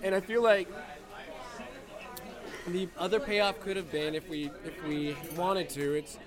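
A man's voice: sits high, little pitch movement, unhurried, a crowd in the background. A man, an improv performer, talking in a casual chat about a show, explaining things in detail.

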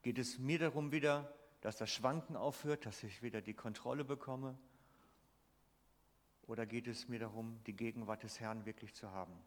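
A man delivers a sermon in an emphatic way, often putting questions to his congregation. His voice sits at a middle pitch and carries a long reverb from the church hall. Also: normal speed. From Switzerland. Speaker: preacher.

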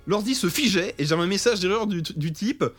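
Young male podcast co-host, casual storyteller, voice a bit high, quick to laugh. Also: faint music behind. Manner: animated storyteller, acts out messages, laughs often.

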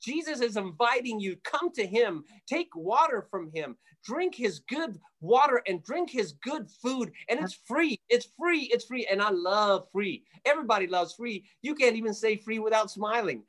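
Speaking at a moderate pace with hardly any pauses, a Jerusalem-born man of Armenian descent delivers a fervent sermon as a radio guest. His high, slightly bright voice has lively intonation, and he stays conversational while urging listeners emphatically and repeating phrases for force.

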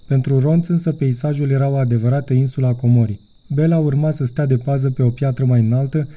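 Man narrating a children's story, dark tone. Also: mid-range voice. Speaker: audiobook narrator. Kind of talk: scripted narration.

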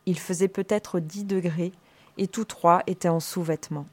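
A woman reading a novel aloud in steady, measured storytelling. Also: on the low side. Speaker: reader.

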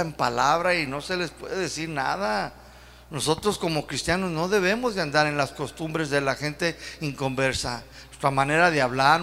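A gravelly, fairly high-voiced man with a Mexican accent preaches a sermon. He talks in a folksy, drawn-out way and keeps firing rhetorical questions at the congregation. His voice rings with the long reverb of a church hall. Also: fairly bright tone. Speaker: pastor.

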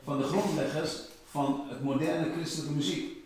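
A man with a fairly high voice interprets a sermon line by line, sometimes stalling to search for a word. He is heard from a distance in a strongly echoing church hall. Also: steady tone, normal speed, a little mellow. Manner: translates phrase by phrase, often with hesitations and fillers. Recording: echoey hall, mic at a distance.

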